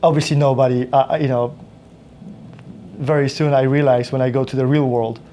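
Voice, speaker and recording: A man tells his story in a loose, rambling way, circling back and restarting his sentences. His tone is mellow and dark. A faint hum of room ambience sits underneath. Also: mid-range voice, fairly even intonation, a little fast, highs cut off. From Poland. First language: Polish. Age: 30s. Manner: rambling with frequent restarts and fillers. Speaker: podcast guest. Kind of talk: casual interview storytelling.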